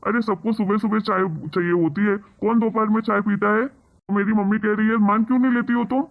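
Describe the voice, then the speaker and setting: A man's voice: high-pitched, fairly even intonation, a little fast. A man voicing a short-tempered young husband in a cartoon story, scolding and bossy toward his wife. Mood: angry. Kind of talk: animated cartoon voice acting. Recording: tinny phone-like sound.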